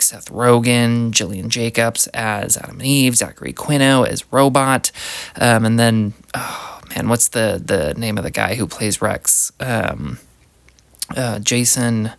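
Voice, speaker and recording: Male reviewer, casual and gushing, lots of "like", average pitch, dead-dry recording. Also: creaky, a bit bright, smooth, no room sound. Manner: enthusiastic, rambling, heavy use of "like".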